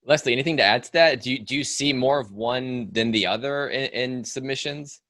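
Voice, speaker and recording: A man moderating a panel discussion, his voice at an ordinary middle pitch. He asks direct questions and nods along with quick "mm-hmm"s. The sound is dry with no room echo. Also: fairly bright tone. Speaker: host.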